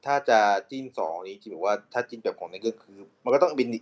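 Low-voiced man in laid-back chat. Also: animated, racing. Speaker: podcast host. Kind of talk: casual chat. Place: voice chat call.

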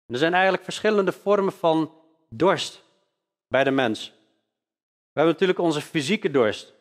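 Earnest preacher in a reverberant hall. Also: male voice, on the high side, animated, unhurried. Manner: earnest, emphatic preaching with rising stresses. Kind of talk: sermon.

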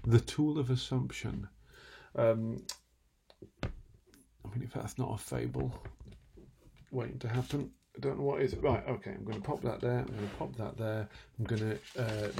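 A man talking quietly and wryly at night from a room in his house, hosting a solo radio show with lots of asides and restarts. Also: mid-range voice, vocal fry, slight background noise. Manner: self-deprecating, wry, full of asides and restarts; talking quietly, half-whispering at times. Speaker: radio host. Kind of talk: rambling late-night solo radio chat.

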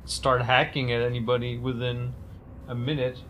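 A man running a tabletop game, narrating casually and haltingly as he searches for his words. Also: mid-range voice, little pitch movement, lo-fi sound, over a noisy crowd. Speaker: game master.

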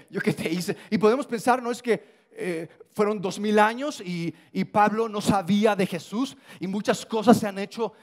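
A man's voice: high voice, moderate pace. A man preaching a sermon as pastor, emphatic, repeating phrases for effect and slipping in joking asides.

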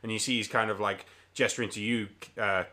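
A man serves as game master for a tabletop role-playing session. His voice is bright and forward. He describes each scene in a loose, rambling way, with plenty of "like" and "um" along the way. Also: lowish voice, fairly even intonation, brisk. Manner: rambling, filler-heavy description.

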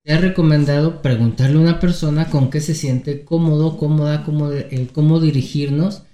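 A man's voice: fairly high pitch, steady tone, moderate pace, mellow, roomy sound. A man, hosting an interview and thinking aloud through long, winding questions. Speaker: interview host, sexologist.

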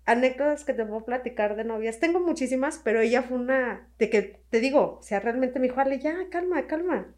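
High-voiced Mexican woman telling stories. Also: a little fast, few pauses. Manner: animated storyteller who acts out quoted voices. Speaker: bridal makeup artist, guest. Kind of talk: casual podcast chat.

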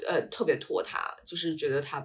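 A woman co-hosting a casual book podcast, her voice sitting a little low. She chats freely and thinks aloud, with many fillers along the way. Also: fairly even intonation, fairly quick. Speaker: podcast co-host.

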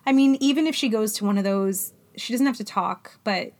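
A woman's voice: mid-range voice, fairly quick, darkish tone. A woman in her forties, a mother of teenagers from Florida, co-hosting a casual chat in a wry, chatty way. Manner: chatty, wry, throat-clearing. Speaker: podcast co-host.

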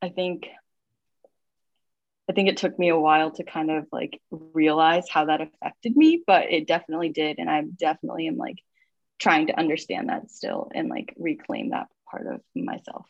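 Young woman talking in a low, reflective way. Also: normal speed, creaky, no echo, lo-fi sound. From Missouri, United States. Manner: relaxed, reflective, lots of fillers like "um" and "like". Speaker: guest. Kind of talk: casual conversational interview.

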